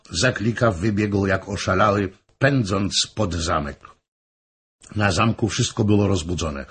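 Man, audiobook narrator, historical novel, expressive, measured, very husky voice, lively pitch.

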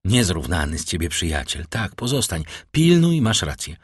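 A man's voice: low-pitched, very animated, normal speed, slightly rough, no room sound, clean studio sound, exaggerated voice. Man reading as an eager young nobleman.

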